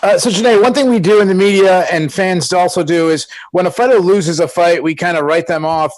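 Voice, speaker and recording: A man's voice: high voice, a little fast, darkish tone, no room sound, rough recording. A man working as a sports reporter, asking questions at a press conference.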